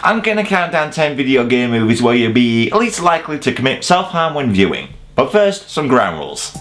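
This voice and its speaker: A British man hosts a video review channel, narrating a scripted comedic countdown with sarcasm, swearing, and exaggeration. His voice sits at a medium pitch with big swings, moves at a normal speed, and has a fairly bright tone.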